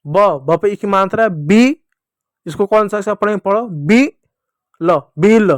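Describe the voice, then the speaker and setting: A man teaching young children to read letters and vowel signs, slowly and patiently, repeating each sound for them to follow. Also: high voice, no echo, studio quality. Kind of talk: children's Hindi alphabet lesson.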